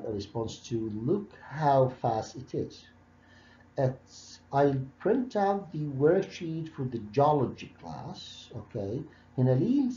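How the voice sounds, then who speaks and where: A man's voice: medium pitch, dark tone. A man with an Egyptian Arabic accent, a university lecturer explaining step by step, asking the class rhetorical questions and hesitating with many uhs. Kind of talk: recorded lecture mixing Arabic and English. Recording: dull echoey lecture recording.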